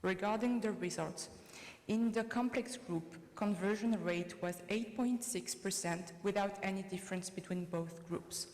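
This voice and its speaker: French-accented woman surgeon, conference talk, boomy hall. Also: unhurried, a little mellow. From France. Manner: reads formally, hesitant with fillers when answering. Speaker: surgeon presenting research. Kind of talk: conference presentation. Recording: echoey conference hall reverb.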